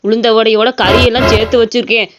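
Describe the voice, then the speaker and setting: A woman's voice: on the high side, level tone, fast, close to an everyday voice. A woman doing a grumpy old village man. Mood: suspicious. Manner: scolding, threatening. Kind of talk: cartoon voice acting. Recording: dull audio with clear noise.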